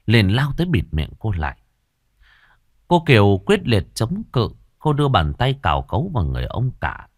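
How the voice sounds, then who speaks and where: A man narrating a ghost story in a dramatic, expressive way. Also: lowish voice, dry recording, studio quality.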